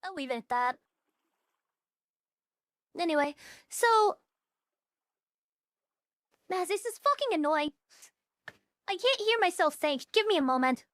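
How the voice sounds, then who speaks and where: Blunt, profane high-voiced young woman streamer. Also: sing-song, unhurried, long pauses, fairly bright tone, dry recording, studio quality. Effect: voice changer turned down to a more natural tone. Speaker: VTuber streamer. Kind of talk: casual livestream chat.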